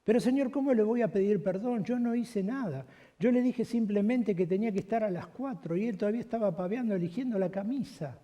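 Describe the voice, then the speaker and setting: A man playing a stubborn middle-aged pastor who protests to God in a raised, higher voice. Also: brisk, few pauses, warm tone. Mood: stubborn, protesting.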